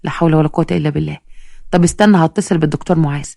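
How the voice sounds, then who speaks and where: A woman's voice: deep voice, fairly even intonation, rapid-fire, vocal fry, mellow, no room sound, clean studio sound, pitched below the performer's own voice. A woman doing a sarcastic young pharmacist. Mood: exasperated, sarcastic. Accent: Egyptian. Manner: sarcastic, exasperated.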